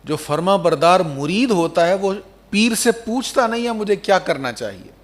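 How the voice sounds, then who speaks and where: A man's voice: high voice, animated. Emotive preacher, man. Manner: emotive, swings between soft tender quotes and loud emphatic stress; quotes Arabic verses and explains them. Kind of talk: Islamic sermon.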